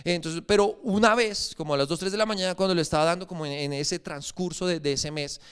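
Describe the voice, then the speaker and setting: A young man preaching a sermon, telling a personal story with animated emphasis. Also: fairly high pitch, fast talker, smooth.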